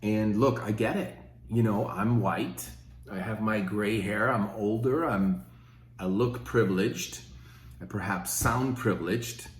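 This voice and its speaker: A Swiss man in his fifties hosts his own opinion video as a podcast host, talking casually and rambling with plenty of fillers. His fairly low voice moves at a measured pace and sounds reverberant.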